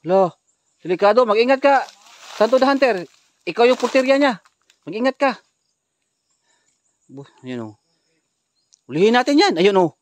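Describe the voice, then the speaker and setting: A man's voice: very high voice, sing-song, normal speed, long pauses. A man on a ghost-hunting vlog, urgently giving tense commands to his companions outdoors in a forest. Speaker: ghost hunter.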